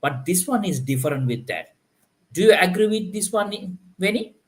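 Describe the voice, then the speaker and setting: This man hosting a live-stream panel has a high-pitched, animated voice at ordinary speed. His speech is casual and filler-laden, with repeated "like, you know" and plenty of restarted sentences.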